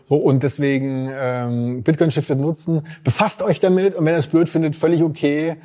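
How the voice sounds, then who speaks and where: A man's voice: a little high, steady tone, moderate pace, mellow. A man from Swabia, a startup investor talking casually as an interview guest, hesitant with many fillers. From Swabia, Germany.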